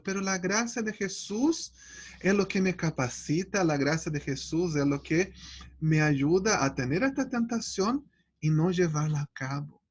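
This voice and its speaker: A man's voice: high-pitched, breathy edge. A man teaching an online Bible study, speaking with earnest, personal testimony. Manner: earnest personal testimony, acting out his own prayers.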